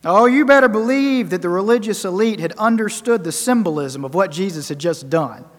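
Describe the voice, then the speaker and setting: Man, preacher, high voice, emphatic rhetorical sermon, long echoing church reverb. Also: animated, brisk. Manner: emphatic, repeats phrases for effect, swings loud and soft.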